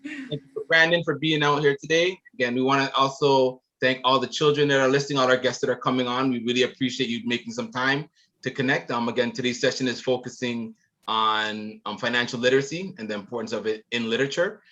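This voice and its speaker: A man's voice: mid-range voice, fast talker, sharp tone. A man hosting an online book launch, talking casually with many um fillers. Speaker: event host. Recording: dull lo-fi audio.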